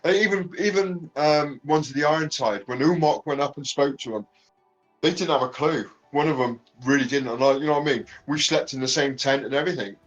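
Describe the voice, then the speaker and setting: A man chatting casually as a podcast guest, halting often with ums and restarts. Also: on the high side, highs cut off, faint music behind. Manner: hesitant, many ums and restarts. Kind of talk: casual chat.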